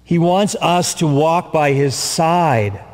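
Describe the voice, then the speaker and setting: The sermon comes from an older priest at the pulpit of a large church, slow and solemn, with drawn-out pauses and repeated phrases. His voice is a little high with a darkish tone. Recorded via a pulpit microphone and a camera at a distance, it rings with long reverb.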